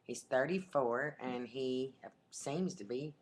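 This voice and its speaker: A woman's voice: rumbling low, takes it slowly. A middle-aged woman from Arkansas with a Southern accent, telling stories in a casual chat into a webcam at home. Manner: chatty storyteller with a drawl, laughs often. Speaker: co-host of a webcam video.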